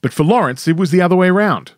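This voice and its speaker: Slightly high-voiced male reporter, dry. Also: lively intonation, very fast, no room sound. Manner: clear, explanatory, informative. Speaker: reporter narrator. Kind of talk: scripted narration.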